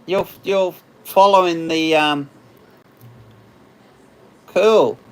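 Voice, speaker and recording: An Australian man hosts a casual livestream, rambling and chatting with viewers and laughing often. His voice is a little high and very slow, slightly hoarse after hours of talking.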